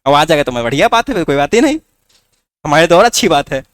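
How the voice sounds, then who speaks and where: A man's voice: on the high side, big pitch swings, quick pace, dry recording. A man teaching a class with a north Indian Hindi accent, coaxing students with rhetorical questions. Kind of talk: classroom lecture.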